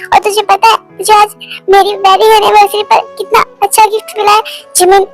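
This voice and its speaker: A shattered young wife, betrayed and tearful, who stumbles over her words and repeats herself as she pours out her pain, dubbed in a very high, thin voice. Her delivery stays close to flat in pitch, with soft music playing underneath. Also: brisk. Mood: sobbing, broken. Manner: stammering, repeats words in distress. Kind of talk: fan dub of a melodrama.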